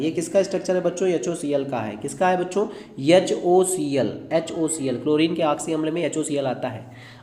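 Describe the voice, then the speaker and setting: Man, chemistry teacher, slightly high voice, repeats lines slowly for dictation, roomy echo. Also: darkish tone. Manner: repeats phrases slowly for note-taking, addresses students as children. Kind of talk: classroom lecture dictating answers. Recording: echoey room.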